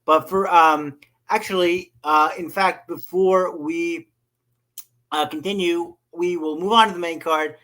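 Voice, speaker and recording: A man hosts a casual sports betting podcast, his voice sitting a little high for a man. He leans on fillers and restarts as he talks. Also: fairly even intonation, a little slow, pushed and bright. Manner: hesitant, many fillers and restarts. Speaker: podcast host.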